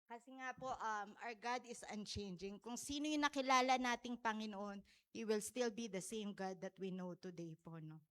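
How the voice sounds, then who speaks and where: A woman's voice: medium pitch, moderate pace, fairly bright tone. A woman, sharing a heartfelt message at a church service and often checking in with her listeners. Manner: heartfelt, tag-questioning, tearful in places. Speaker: church speaker.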